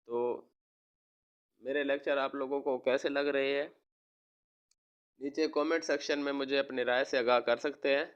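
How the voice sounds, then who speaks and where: A man from Pakistan, a teacher giving a recorded lesson to young children, slowly spelling out words and repeating them. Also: medium pitch, flat delivery, clean tone, dull audio. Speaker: online school teacher.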